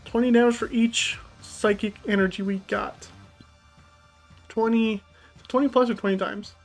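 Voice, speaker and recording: A woman's voice: a little high, steady tone, measured pace. A woman giving casual commentary on her card game deck, chatty and thinking aloud as she plays. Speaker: gaming YouTuber. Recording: faint background music.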